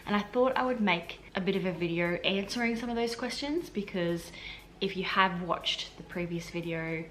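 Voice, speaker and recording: An Australian woman who works as a hospital admin officer and vlogs talks casually to camera, explaining things in a rambling way full of fillers and restarts. Her voice sits at medium pitch, and the recording quality is low.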